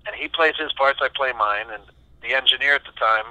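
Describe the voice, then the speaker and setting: A man answers interview questions as an animated storyteller, stopping and restarting as he goes. His voice is bright and forceful with a pointed edge. The recording is dry and close, with no room around it. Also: medium pitch, brisk, no echo, highs cut off. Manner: animated, acts out quoted voices, many restarts. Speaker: session guitarist, interview guest.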